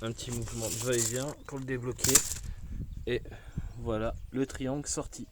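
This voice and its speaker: A man's voice: mid-range voice, steady tone, normal speed, very noisy. Casual man explaining car repair. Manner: informal, slangy, addresses viewer as "tu". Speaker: car mechanic tutorial host.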